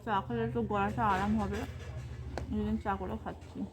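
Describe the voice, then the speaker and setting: A woman's voice: mid-range voice, level tone, fairly quick, noisy background. A woman with a sore throat from a cold, chatting casually through her household chores in a home vlog. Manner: chatty, narrating chores as she works. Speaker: home vlogger.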